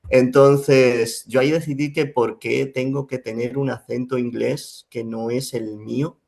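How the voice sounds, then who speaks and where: Man, gravelly voice, middle pitch, thoughtful, pauses and restarts, interview guest. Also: fairly even intonation, a little mellow. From Spain. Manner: reflective, many fillers and restarts. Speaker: Spanish teacher, guest. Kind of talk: casual interview talk.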